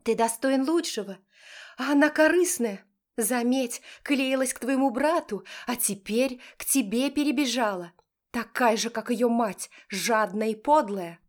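A woman's voice: a little slow, close to an everyday voice. A woman voicing a furious, scornful, domineering older mother who shrieks and spits venomous insults. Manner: shrill, venomous, shouting.

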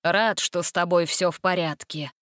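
A woman's voice: fairly low pitch, fairly even intonation, moderate pace, a bit bright, no room sound, studio quality, pitched below the performer's own voice, lightly acted. A woman voicing a bluff, blustering old king in an audiobook fairy tale. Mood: gracious. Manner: bluff, startled.

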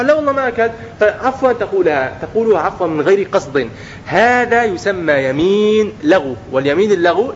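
A man's voice: on the high side, muffled recording, slight background noise. A man preaching a religious lesson to young people, often asking questions and answering them himself. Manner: acts out everyday speech in quotes.

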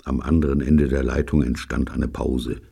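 A man's voice: rumbling low, level tone, moderate pace, vocal fry, mellow, slightly rough. A man narrating an audiobook in a dry storytelling manner.

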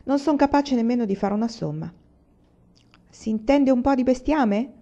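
A woman's voice: fairly high pitch, normal speed, warm tone, dull audio, pitched above the performer's own voice. A woman voicing a humble, down-and-out tragic actor.

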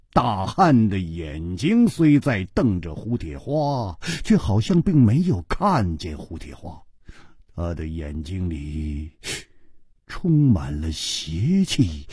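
A man's voice: husky, no room sound, studio quality. A man performing traditional Chinese storytelling, dramatic, with every figure acted out. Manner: dramatic, acts out each figure, wide swings in pitch and loudness.

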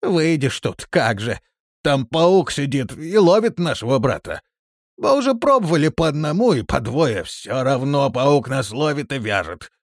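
A man doing a shrill, panicky thug yelling high. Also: big pitch swings, moderate pace, no echo, studio quality. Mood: whining. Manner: yelling, pleading, sobbing. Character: panicky burly male thug, shrill and whining. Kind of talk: audiobook character voice.

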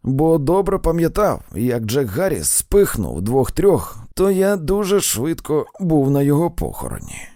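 A man voicing a gravelly old railroad engineer yarning. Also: fairly high pitch, wildly swooping pitch, a little slow, few pauses, mellow, no echo, studio quality, heavily acted. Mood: boastful. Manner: storytelling, boastful of his luck. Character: male railroad engineer telling his adventures. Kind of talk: audiobook reading.

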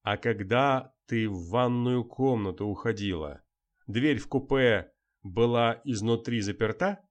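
A man doing a calm, steady journalist. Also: medium pitch, muffled recording, lightly acted. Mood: gentle. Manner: calm, measured, insistent. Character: calm, persistent male journalist.

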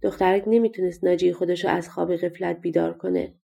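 Woman, audiobook narrator, fairy tale, colloquial reading, mellow dark tone, gravelly. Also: fairly low pitch, fairly even intonation. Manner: colloquial spoken-style reading. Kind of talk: scripted storybook narration.

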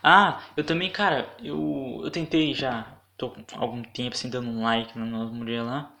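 A young man with a Brazilian accent rants alone into the mic for his podcast. He sounds indignant and profane, drifting through fillers and restarts. His voice sits at an ordinary middle pitch for a man. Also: steady tone, normal speed, vocal fry, bright, forceful tone. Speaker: podcast host. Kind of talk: casual solo podcast rant.

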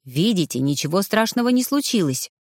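A woman voicing a calm, patient male mage who coaxes a frightened girl. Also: a little fast, dry recording, clean studio sound. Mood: calm persuasive. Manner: calm, coaxing, low-pitched.

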